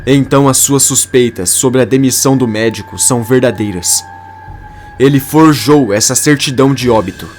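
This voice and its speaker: A man voicing a calm, supportive young man in a narrated soap opera summary. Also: mid-range voice, normal speed, faint music behind, lightly acted.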